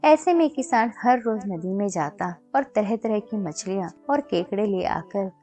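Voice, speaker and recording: A woman storyteller giving scripted narration of a children's moral story in a steady, even-toned reading. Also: mid-range voice, unhurried, soft background music.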